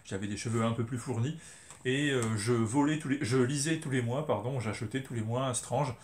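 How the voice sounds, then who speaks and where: Chatty French comics vlogger, roomy echo. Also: male voice, medium pitch, fairly quick. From France. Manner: chatty, many fillers and self-corrections. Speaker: comics video host. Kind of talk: casual enthusiastic comics review. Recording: roomy echo, faint ambient noise.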